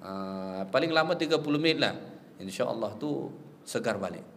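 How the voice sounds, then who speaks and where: A male preacher giving a lively sermon, telling stories and quoting Arabic before explaining it. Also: normal speed, creaky, in a large hall, slight background noise. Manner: animated storytelling, quoting Arabic then explaining; acts out quoted speakers with rising pitch. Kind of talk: Islamic sermon lecture.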